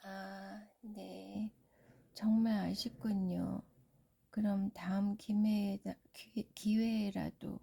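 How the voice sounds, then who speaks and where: A woman's voice: mid-range voice, little pitch movement, slow, vocal fry, dark tone, slightly rough, full character voice. Woman reading as a courteous, hesitant young prince. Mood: disappointed. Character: polite, lovestruck, gullible young prince. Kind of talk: storybook character reading for a young child.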